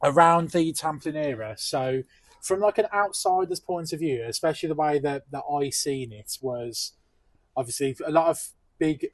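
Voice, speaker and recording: A man's voice: a little high, normal speed, no room sound. A man chatting casually as an interviewer, in a matey, colloquial way. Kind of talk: casual on-location interview chat.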